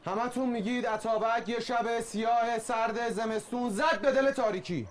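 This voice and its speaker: A man's voice: very high voice, slight background noise. An actor playing a skeptical village man asking probing questions, in a radio drama.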